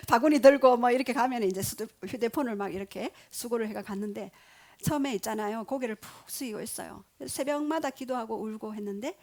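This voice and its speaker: Female pastor, high and very lively pitch, animated storyteller in a sermon. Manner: animated storytelling, acting out quotes.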